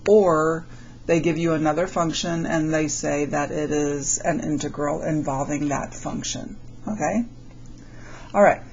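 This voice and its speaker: A woman teacher with a summer cold, her voice gravelly and nasal, explaining a calculus lesson on video and checking in with frequent "okay?". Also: low voice, highs cut off, slight background noise.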